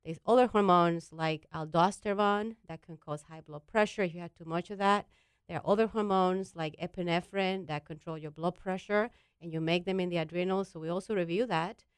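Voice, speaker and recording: A woman's voice: on the low side, steady tone, brisk, smooth, no room sound. A woman from the Dominican Republic, a doctor explaining things patiently, step by step, as a guest on a talk show. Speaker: endocrinologist guest.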